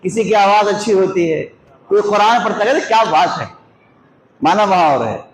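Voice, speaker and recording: A man's voice: high voice, a little fast. A man, an Islamic scholar, giving a religious lesson, asking his listeners questions and walking them through examples. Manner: questions the audience and gives worked examples. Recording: echoey room with faint noise.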